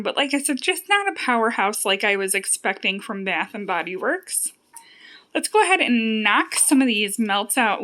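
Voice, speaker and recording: A woman with a fairly high voice presents a casual review vlog. She speaks in a chatty, conversational way, as a host addressing regular viewers. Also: fairly bright tone. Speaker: YouTube host reviewing home fragrance products.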